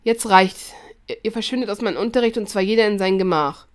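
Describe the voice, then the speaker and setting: Woman reading a stern male teacher, sharp and scolding, in a fan audiobook. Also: medium pitch, quick pace, close to an everyday voice. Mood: fed up.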